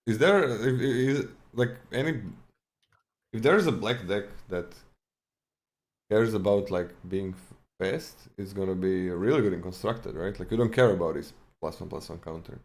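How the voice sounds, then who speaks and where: A man co-hosting a podcast, chatting casually and haltingly as he reviews cards, often restarting his sentences. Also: on the low side. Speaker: co-host of a card game podcast. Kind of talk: casual card review chat.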